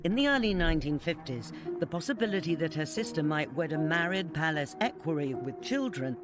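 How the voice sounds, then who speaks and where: A man's voice: on the high side, expressive. Man narrating a documentary over music. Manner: measured, formal. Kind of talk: scripted narration.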